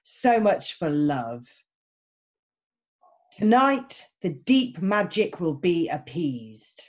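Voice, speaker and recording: A woman's voice: on the low side, sing-song, drawn-out words, muffled recording, exaggerated voice. A woman playing a cruel, imperious witch who gloats and savours each phrase in a screenplay read-through. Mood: gloating, contemptuous.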